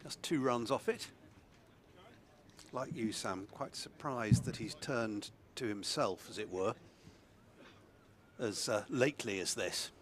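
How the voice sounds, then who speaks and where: A man giving live cricket commentary in a measured, understated way with wordy phrasing. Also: mid-range voice, a bit bright.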